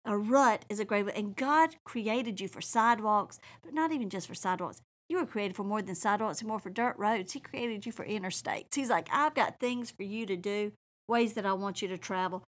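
A woman's voice: mid-range voice, a little fast. A woman with a Southern US accent, hosting a faith talk show and exhorting listeners in a fervent, folksy preaching style. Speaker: host.

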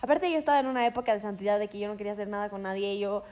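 A woman's voice: mid-range voice, fairly even intonation, very fast, a little mellow. A young woman, co-hosting a casual chat and telling stories animatedly, acting out quoted lines. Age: young adult. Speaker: podcast co-host.

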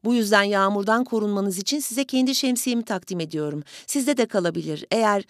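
A woman voicing a small, polite elderly gentleman who pleads with fussy, over-courteous manners in an audiobook story. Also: mid-range voice, brisk, dry recording, studio quality, lightly acted. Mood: courteous pleading.

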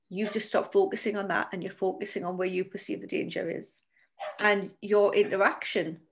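A woman co-hosting a casual podcast, speaking in a gentle, reflective way. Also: mid-range voice, gravelly. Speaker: co-host and coach.

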